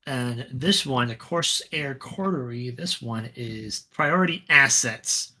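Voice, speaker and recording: A man co-hosting a podcast, chatting casually about a tabletop wargame with a relaxed, rambling delivery full of fillers and restarts. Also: mid-range voice, slow pace. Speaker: podcast co-host.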